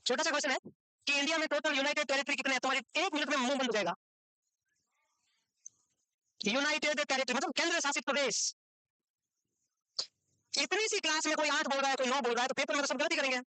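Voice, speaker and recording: A woman's voice: high voice, fast, pauses often, pushed and bright, no echo. A woman teaching a nursing exam class in a classroom, quizzing her students and scolding them for not knowing the answers. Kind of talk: classroom lecture.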